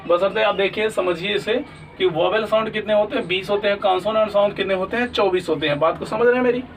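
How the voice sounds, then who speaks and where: A man's voice: high voice, fast talker, recorded from a distance, faint music behind, rough recording. A man teaching an English lesson, asking questions and answering them himself, often checking that students follow. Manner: repeats "ठीक है ना?" often. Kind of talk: classroom lesson.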